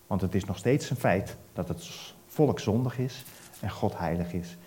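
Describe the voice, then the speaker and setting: Lively preacher telling a story. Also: male voice, low-pitched, a little slow. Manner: lively storyteller, asks the listeners questions. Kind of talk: sermon retelling a Bible story.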